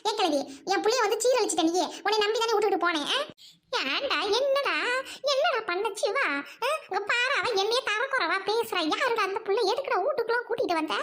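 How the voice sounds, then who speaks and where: A furious rich village mother shrieks insults in a fast, piercing voice, played by a woman. She scolds without pause in a domestic audio drama. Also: very high voice, lively intonation. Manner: shouting insults, scolding hard.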